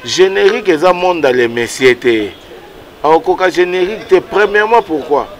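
Man, Congolese accent, 30s, animated, interview guest, outdoors, camera mic. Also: high voice, moderate pace. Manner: animated, gestures with hands, mixes Lingala and French. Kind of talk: casual interview. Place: outdoors by a wall.

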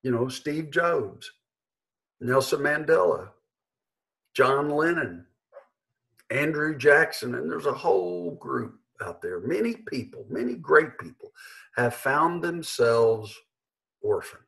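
A man in his sixties, a pastor, delivering an earnest, measured sermon from his living room into a webcam. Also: fairly high pitch, sing-song, gravelly, a bit bright, low-quality recording. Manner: earnest, measured, with emphatic slowed phrases. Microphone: webcam at desk.

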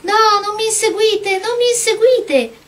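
A dainty porcelain princess from a storybook speaks in a high, thin voice that rises sharply, as a woman reading the tale puts her on. She sounds prim and easily frightened, and her words come out breathless and pleading. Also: lively intonation, measured pace. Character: frightened young porcelain princess, delicate, proud.

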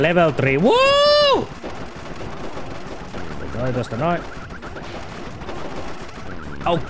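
A young man giving gameplay commentary, excitable, shouting and swearing and mixing in English phrases. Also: sits high, background noise. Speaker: let's play gamer. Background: game music.

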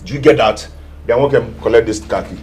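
An actor playing an arrogant palace official who barks threats and orders. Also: male voice, medium pitch, a little fast, recorded from a distance, a little hiss or hum, close to an everyday voice. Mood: threatening. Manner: barking orders, mocking. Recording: film audio with loud music bed.

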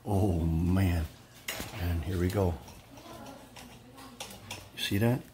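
A man's voice: deep voice, steady tone, extremely slow, noisy background. A man hosting an outdoor cooking vlog, narrating with exuberant whoops and exclamations. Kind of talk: excited outdoor cooking commentary. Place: outdoors by a frying pot.

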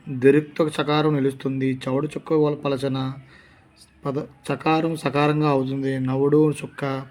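An exam prep teacher with a mid-range, slightly mellow voice reads Telugu dialect study notes aloud, listing word forms one at a time and restarting to correct himself as he goes.

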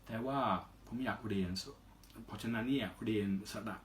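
A fairly low-pitched male voice belongs to a Western singer answering casual interview questions in Thai. He speaks it as a careful non-native, in short, halting phrases with polite particles and a foreign accent.

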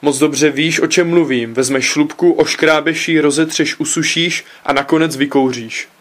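A man reading aloud voices a suspicious, excitable father who raises his voice in indignant outbursts. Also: fairly high pitch, natural voice. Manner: loud, indignant, shouting outbursts.

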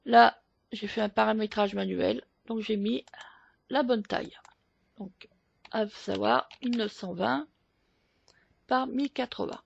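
A woman hosting a photo editing tutorial, explaining each step slowly with hesitant fillers. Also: on the high side, fairly even intonation, gravelly, breathy edge, dull audio. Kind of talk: screen-recorded software tutorial.

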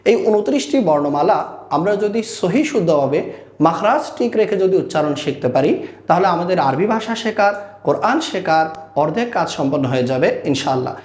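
A man teaching Quran recitation, patiently repeating each Arabic letter slowly and stretching the sounds out. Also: sits high, lively intonation, darkish tone, echoey room. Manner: religious phrasing, often closes with a blessing.

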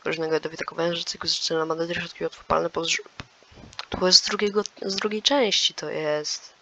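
A man's voice: fairly high pitch, flat delivery, brisk, pushed and bright. A man hosting his gaming channel, reading quiz questions aloud and musing over the answers in casual commentary.

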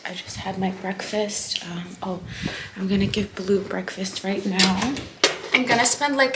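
Filming a candid diary vlog in her apartment living room and kitchen, this Dutch woman in her twenties talks chattily and fills her speech with "like." Her medium-pitched voice is picked up by a tripod camera a few feet off, so it echoes roomily over a noisy background.

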